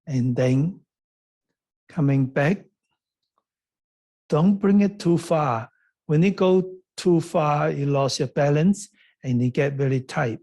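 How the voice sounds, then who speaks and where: A man leading an online tai chi class, giving calm, step-by-step movement cues. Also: fairly high pitch. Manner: slow, calm, step-by-step cueing. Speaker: tai chi teacher and workshop leader.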